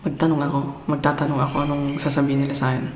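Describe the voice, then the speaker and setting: Very deep-voiced and delivering flatly at a very fast clip, this woman with a Filipino accent acts out an ASMR scene as an exasperated, doting girlfriend, switching into English. She alternates teasing reprimands with tender coaxing, recorded in an echoey space with long reverb and faint noise behind her.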